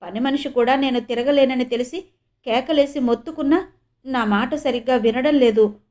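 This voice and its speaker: A woman's voice: high-pitched, normal speed, a little mellow, close to an everyday voice. A woman voicing an ailing, bedridden older mother who pleads with her daughter. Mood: pleading.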